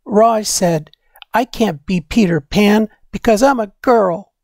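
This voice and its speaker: A man's voice: high voice, slow, a little mellow, no room sound, studio quality, pitched above the performer's own voice, full character voice. A man voicing an earnest, imaginative young schoolgirl in a storybook, with a childlike manner. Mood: sad.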